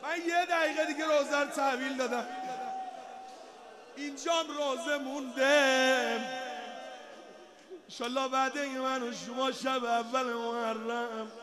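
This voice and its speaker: High-voiced man chanting a mourning lament. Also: little pitch movement. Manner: shouting and chanting, drawn-out lines. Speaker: eulogy reciter. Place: mourning gathering with crowd. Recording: live crowd and music behind.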